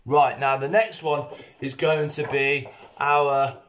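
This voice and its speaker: A man leading a toddlers' PE class, speaking slowly and patiently and checking in with "okay? all right?" after nearly every phrase. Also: medium pitch, steady tone, a bit bright, a little hiss or hum. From United Kingdom. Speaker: kids' PE instructor. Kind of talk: children's exercise class. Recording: echoey room.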